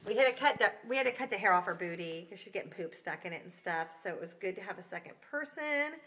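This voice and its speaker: A woman's voice: medium pitch, lively intonation, fast talker, a bit bright, distant mic. A woman filming on a handheld phone indoors, cooing in sing-song baby talk to a cat in her care. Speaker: cat boarding caretaker. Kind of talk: casual phone video talking to a cat. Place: indoors, cat boarding room.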